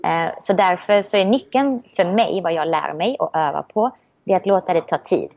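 Woman guest, lowish voice, thoughtful and upbeat, dull recording. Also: creaky, a little mellow, no echo. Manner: reflective and optimistic, many restarts. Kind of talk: casual conversation.

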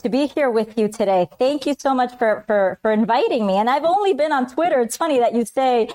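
Chatty woman, smooth clear voice. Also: fairly high pitch, animated, brisk. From Colombia, raised in Miami. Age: 40s. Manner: chatty, warm storyteller, switches into Spanish phrases. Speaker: podcast guest. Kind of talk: casual interview chat.

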